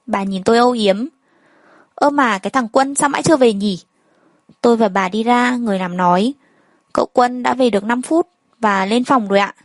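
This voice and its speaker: A woman's voice: fairly high pitch, a little fast, no echo, poor audio. A woman reading a first-person story aloud and speaking all the characters' lines in much the same voice. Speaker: narrator.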